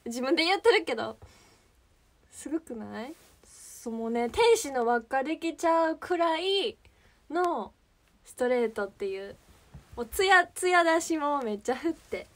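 High-voiced young Kansai woman chatting. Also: lively intonation, moderate pace, fairly bright tone. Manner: chatty, rambling, searching for words. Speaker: idol livestream host. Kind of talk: casual livestream chat.

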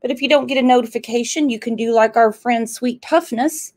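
A woman's voice: a little high, fairly even intonation, brisk, a little mellow. A middle-aged woman, hosting a live-stream chat in a chatty, playful way and tossing out exclamations. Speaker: host of a live true-crime channel.

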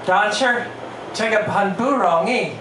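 Older man, halting foreign-accented stand-up, very echoey. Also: sits high, a bit bright. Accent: foreign, non-native Mandarin. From Western country. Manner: halting, repeating words as they search for phrasing. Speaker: stand-up comedian. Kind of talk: stand-up comedy in learner's Mandarin. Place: small comedy bar, indoors. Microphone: handheld stage mic, heard through distant camera. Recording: echoey, noisy bar recorded from far off.

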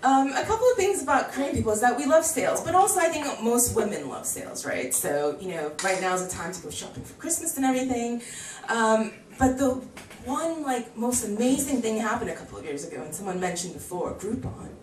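An American woman in her thirties doing stand-up in a small bar club, her voice lively and swooping as she chats and acts out voices. She sits fairly high, and the handheld mic is caught from a far camera, so the sound is roomy and a little distant. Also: fairly quick. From United States. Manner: chatty, animated, acts out voices in quotes. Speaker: stand-up comedian. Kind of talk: stand-up comedy set. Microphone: handheld mic, filmed from far camera. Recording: echoey room from far off.

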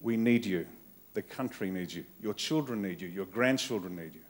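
Here a middle-aged Australian man with a low voice talks at normal speed, giving a rousing political keynote in a conference hall. Standing at a podium microphone on a stand, he hammers home short, emphatic phrases and repeats them often.

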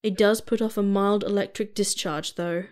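A woman voicing a calm, practical male Martian first officer with dry remarks. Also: mid-range voice, moderate pace, natural voice.

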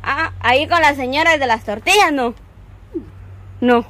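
A woman vlogger chats outdoors at a rural home. Her voice is high, and her delivery is playful and coaxing. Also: unhurried, a bit bright. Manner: teasing, laughing, coaxing. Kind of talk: casual chat.

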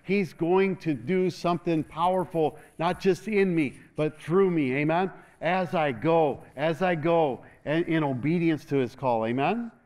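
Animated middle-aged preacher, higher voice. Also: male voice, unhurried, few pauses. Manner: animated, moves about the stage, call-and-response asking "amen". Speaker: pastor. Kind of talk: sermon. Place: large church stage, indoors.

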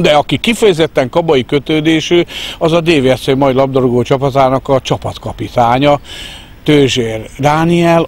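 A man in his fifties giving an interview in a halting, hesitant way into a handheld microphone. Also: mid-range voice. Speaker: fan club organiser, interviewee. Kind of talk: interview talk. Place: outdoors in a park. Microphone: handheld reporter microphone. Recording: outdoor park ambience, faint noise.

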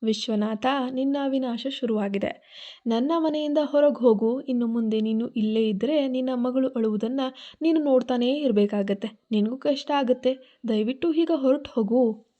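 A woman's voice: fairly high pitch, moderate pace, dark tone, muffled recording, close to an everyday voice. A woman voicing a vengeful young man who steadily accuses and threatens his old enemy. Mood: threatening.

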